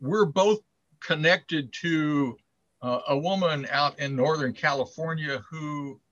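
Bright-voiced man hosting over a dull line. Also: fairly high pitch, no echo. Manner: friendly, quick to laugh. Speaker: host. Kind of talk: interview host chat. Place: video call.

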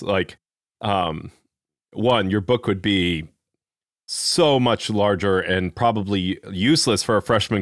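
Low-voiced Midwestern man hosting an interview. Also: dry recording, studio quality. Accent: Midwestern American. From American Midwest. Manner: rambling with frequent fillers and restarts. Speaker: podcast host. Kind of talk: casual interview.

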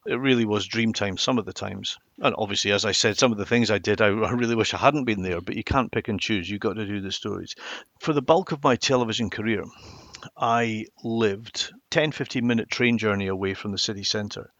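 Low-voiced Highland Scottish man, reflecting. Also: brisk, a bit bright, no echo, lo-fi sound. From Inverness, Highlands of Scotland. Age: middle-aged or older. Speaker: interview guest, former television journalist. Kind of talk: reflective conversational interview storytelling.

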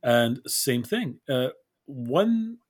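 A man's voice: medium pitch, sing-song, very slow. A man who grew up in Canada, hosting a podcast and chatting in a friendly, easygoing way, laughing easily and asking open questions. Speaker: podcast host. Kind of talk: casual interview chat.

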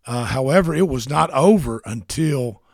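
A man's voice: medium pitch, animated, moderate pace, vocal fry, a little mellow, no room sound, studio quality. A man hosting a sports radio show, chatting casually and rambling with repeats.

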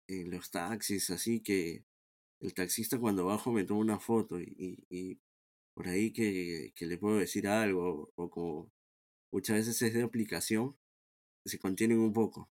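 A man with a Peruvian Spanish accent, a guest talking calmly in an interview, often restarting and repeating words as he thinks. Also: fairly low pitch, normal speed. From Peru. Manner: calm, reflective, many restarts and repeated words. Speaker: guest, founder of a sports team. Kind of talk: casual interview conversation.

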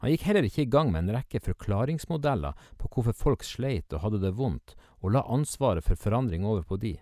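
Deep-voiced, animated preacher. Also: male voice, no echo, studio quality. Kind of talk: sermon with scripture reading.

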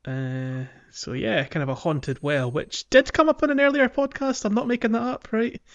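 Here a man with a high, creaky voice talks at a moderate pace with fairly even intonation. As a podcast host he casually recaps a video game, explaining in a giggly, hesitant manner. The sound is slightly dull and has music underneath.

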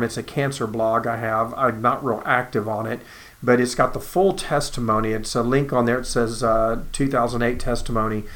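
A man's voice: medium pitch, a bit bright. A man, earnestly telling his own cancer story as personal testimony and acting out the dialogue.

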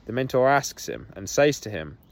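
A man speaking candidly to his podcast listeners while out on a walk. He sounds open and emotional, and he leans on "like" as a filler. His voice sits at an ordinary middle pitch for a man. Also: big pitch swings, normal speed, vocal fry. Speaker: podcast host. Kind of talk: candid solo podcast monologue. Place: outdoors on a walk.

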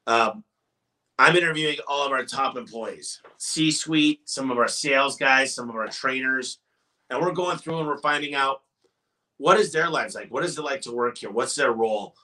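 Forceful, emphatic motivational businessman. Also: medium pitch, normal speed, distant mic. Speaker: business owner guest. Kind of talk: podcast interview.

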